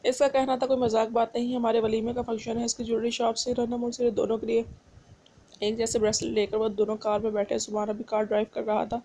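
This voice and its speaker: A woman reading a romance novel aloud as narrator, with a steady, even delivery. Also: on the high side, fast talker.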